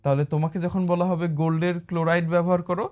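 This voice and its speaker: A man's voice: high voice, little pitch movement, darkish tone, smooth. Bangladeshi man teaching a chemistry class. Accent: Bangladeshi Bengali. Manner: asks students questions and repeats key terms slowly. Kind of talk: admission-exam class lecture.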